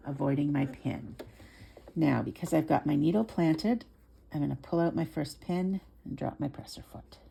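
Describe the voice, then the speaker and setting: A woman giving a step-by-step hands-on tutorial as an instructor, speaking in a careful, unhurried, informal and reassuring way. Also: low-pitched, creaky, mellow. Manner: careful, unhurried, explaining each small step. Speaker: sewing instructor. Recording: some background noise.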